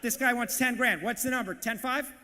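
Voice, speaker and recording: A man working as auctioneer and emcee at a live charity event, calling bids in a rapid, punchy, hyped way. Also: extremely high pitch, bright, forceful tone, shouting, in a large hall, a little hiss or hum. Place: large banquet hall, live audience.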